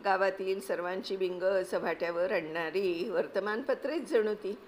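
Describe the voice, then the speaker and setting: A woman reads a classic story aloud at a calm, measured pace, with expressive storytelling. Her pitch is of middle height, and a faint hiss sits behind her voice. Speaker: reader, narrator. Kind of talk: literary audiobook reading.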